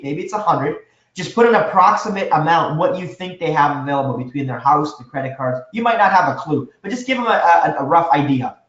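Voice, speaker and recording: A man teaching a live real estate seminar, energetic and quizzing his audience with questions. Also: fairly high pitch. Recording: echoey room, dull lo-fi sound.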